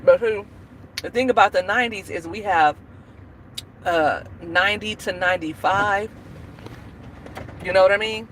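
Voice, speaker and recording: At a moderate pace with frequent pauses, a slightly bright, medium-pitched woman in her forties chats casually with her livestream audience, laughing often and using their names. The poor audio has slight background noise.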